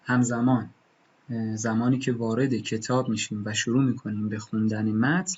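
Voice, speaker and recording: A man teaching German pronunciation, patiently repeating each example word slowly. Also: mid-range voice, steady tone, darkish tone, highs cut off, a little hiss or hum. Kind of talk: pronunciation lesson.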